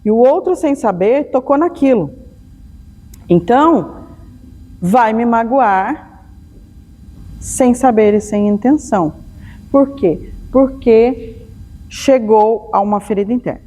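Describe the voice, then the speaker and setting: A woman's voice: on the high side, takes it slowly, long pauses, warm tone, in a large hall. A Brazilian woman giving a spiritual lecture to an audience, telling everyday stories and acting out bits of dialogue. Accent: Brazilian Portuguese. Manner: storytelling, acts out dialogue.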